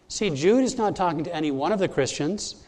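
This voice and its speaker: Animated and fairly quick, this man's slightly mellow voice sits on the high side. As a pastor at a church service, he delivers an emphatic sermon straight to his congregation, working through each point in turn.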